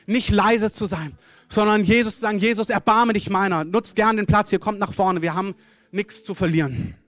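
A man with a fairly high voice preaches and prays with urgent, repetitive appeals. His voice sounds dry and close, with almost no room around it. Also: steady tone, moderate pace, fairly bright tone, no echo. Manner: urgent, repetitive pleading calls. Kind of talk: sermon with altar call and prayer.

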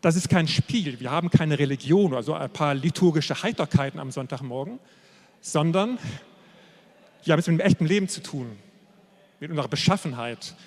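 A man preaching a sermon, emphatic and repetitive, slowing down to stress key phrases. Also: fairly high pitch. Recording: long hall reverb.

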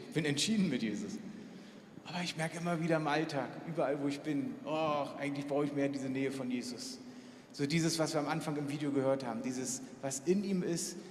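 A man delivers a sermon in an earnest, direct way, talking to each listener as "you". His voice sits somewhat high and rises further when he voices prayers. The recording carries a long hall reverb with faint room ambience. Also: a little hiss or hum. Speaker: preacher.

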